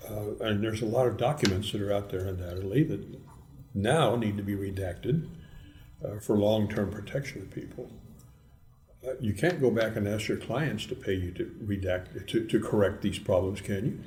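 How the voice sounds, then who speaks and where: A male podcast co-host with a somewhat low voice asks measured, probing questions. The recording carries a noticeable echo from the room, and he builds his questions with deliberate care. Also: darkish tone. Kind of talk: podcast panel discussion.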